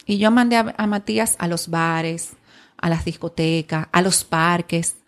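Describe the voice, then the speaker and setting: A woman from the Republic, a film producer telling stories in an interview, animated and full of restarts. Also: on the low side, measured pace. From Dominican Republic. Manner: animated storytelling with frequent restarts. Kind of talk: interview guest talk.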